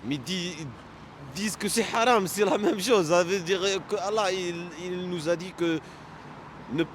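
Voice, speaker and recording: Caught in a street debate, the interviewee is a man whose native tongue is Arabic, pushing his point in halting French with frequent repeated words. He pitches his voice high, and the audio carries a faint hiss or hum.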